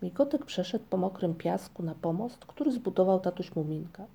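Gravelly dark-voiced woman reading a children's story. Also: lowish voice, lively intonation, moderate pace. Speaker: audiobook narrator. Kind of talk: calm storybook narration.

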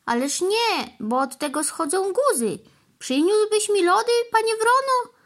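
A plaintive mother cow from a children's storybook, lowing and pleading as she talks about her injuries, as a woman reads her. Her voice sits very high and thin, well above an ordinary speaking voice. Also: sing-song, measured pace, a bit bright, heavily acted. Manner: lowing "moo" interjections, plaintive.

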